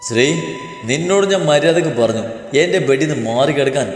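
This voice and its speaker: A man voicing a short-tempered young husband in a storybook reading, gruffly ordering his wife around. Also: fairly high pitch, expressive, brisk. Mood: angry. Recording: echoey room with long reverb, faint music.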